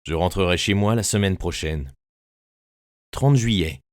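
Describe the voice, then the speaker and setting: A man narrating a first-person literary tale for an audiobook, measured and immersive. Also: low voice, a little mellow, no room sound, clean studio sound.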